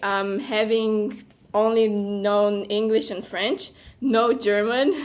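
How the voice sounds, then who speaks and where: A Romanian woman in her thirties, a venture capital partner, is a guest answering interview questions. Her mid-range voice is measured and earnest, with frequent ums.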